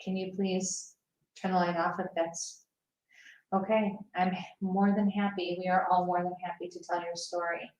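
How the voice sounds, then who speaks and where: A woman investigator talking to a ghost, putting soft, coaxing questions to unseen spirits and pausing for answers. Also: on the low side, little pitch movement. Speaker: paranormal investigator. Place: indoors aboard a ship. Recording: echoey room.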